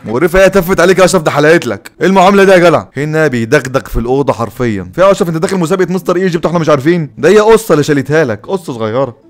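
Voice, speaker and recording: A man's voice: a little high, expressive, rapid-fire. An Egyptian man hosting a reaction video, commenting in a teasing, sarcastic, mock-soothing way.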